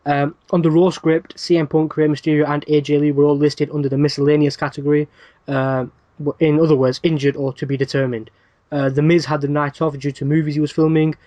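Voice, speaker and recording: Male podcast host, brisk casual news rundown, dry asides, bit higher register. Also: little pitch movement, dark tone, no echo. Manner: reads news items quickly with frequent "uh" fillers and dry asides.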